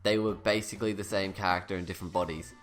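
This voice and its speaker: A man delivers a scripted video review in a lowish voice. His lisp makes each s slushy, close to sh. He is blunt and sarcastic with casual swearing, over background music. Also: fairly even intonation, fast talker, fairly bright tone. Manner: blunt, sarcastic, sweary, self-deprecating at times.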